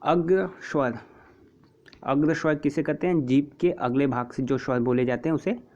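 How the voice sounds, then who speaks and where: A man teaching an exam-prep lesson, patiently repeating terms and example sounds, with frequent throat clearing. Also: medium pitch, a little mellow. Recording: dull lo-fi recording.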